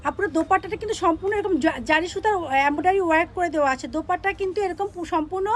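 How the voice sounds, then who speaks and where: A young woman selling clothes on a live stream, pitching each dress with pushy repetition and English words mixed in. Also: racing, a little hiss or hum. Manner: repeats phrases, pushy upbeat selling, mixes English words. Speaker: online clothing seller.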